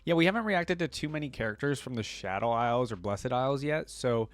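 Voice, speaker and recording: Brisk and animated, this medium-pitched man reads lore aloud for a laid-back reaction video, chatting about what he reads along the way. There's no echo on the recording.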